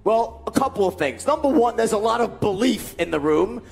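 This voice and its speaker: A middle-aged motivational speaker addresses a large indoor event stage through a headset microphone, delivering an emphatic, repetitive, rhetorical speech. His high voice is expressive and has vocal fry, at a normal speed. Faint music plays behind him.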